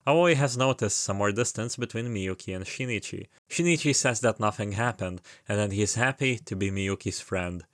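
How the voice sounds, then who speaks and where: Over background music, a man narrates a casual retrospective video essay, peppering it with wry asides and rambling remarks. His voice sits on the low side with a fairly bright tone, moving at a moderate pace with few pauses, in clean studio quality with no echo.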